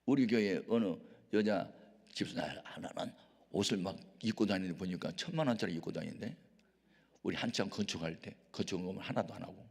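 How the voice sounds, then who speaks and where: Korean pastor preaching in an echoing hall. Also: male voice, sits low, brisk, creaky, slightly rough. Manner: dramatic storytelling, emphatic swings to shouts. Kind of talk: sermon. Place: prayer retreat hall. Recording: reverberant hall.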